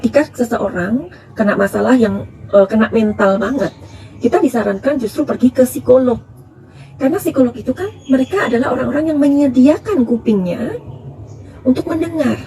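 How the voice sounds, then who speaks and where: A middle-aged woman talking through a tarot reading, confiding and full of advice. Her voice sits slightly high but sounds dark and mellow, with plenty of gravelly fry. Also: fairly quick. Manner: chatty, calls listeners "sayang", counsel-giving. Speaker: tarot reader.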